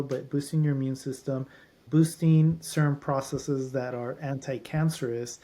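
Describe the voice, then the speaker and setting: A man's voice: medium pitch, dark tone. A man who is a doctor at a holistic clinic, a guest on a podcast, explaining treatments in runs of lists with frequent restarts.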